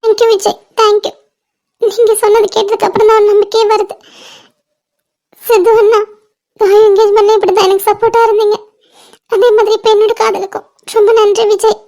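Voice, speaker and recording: A woman's voice: very high-pitched, little pitch movement, a little fast, long pauses, mellow. A woman voicing a tearful young woman in a fan-made cartoon, crying and pleading for forgiveness.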